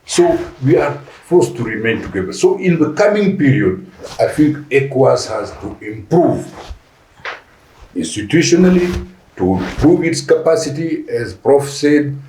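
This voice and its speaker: Deliberate man, roomy echo. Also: medium pitch, big pitch swings, dark tone, a little hiss or hum. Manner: deliberate with frequent restarts and fillers. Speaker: panel guest. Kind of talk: podcast panel discussion. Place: conference venue.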